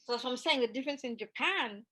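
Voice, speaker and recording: British woman, podcast host, bright tone, dry close sound, animated, laughs often. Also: high-pitched, fast, no echo. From Britain. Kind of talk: casual discussion.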